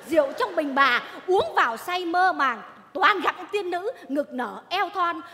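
A shrill, feisty wine seller. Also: female voice, lively intonation, pushed and bright, exaggerated voice. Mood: cursing tirade. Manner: rapid, shrill scolding tirades. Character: feisty, foul-mouthed woman wine seller. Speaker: comic stage actress. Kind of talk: stage comedy sketch. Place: theater stage. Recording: reverberant stage hall.

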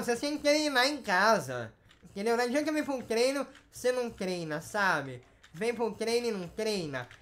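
A woman's voice: fairly high pitch, a bit bright. A woman with a Brazilian Portuguese accent, streaming a game and bossily scolding the players in a training she runs. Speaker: Roblox streamer running a rank training. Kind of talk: live gameplay commentary.

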